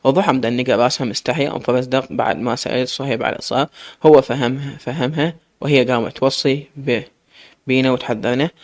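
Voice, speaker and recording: A man's voice: mid-range voice, steady tone, quick pace, dry recording, clean studio sound. A man with an Iraqi accent reading a serialized story aloud as storyteller. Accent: Iraqi Arabic.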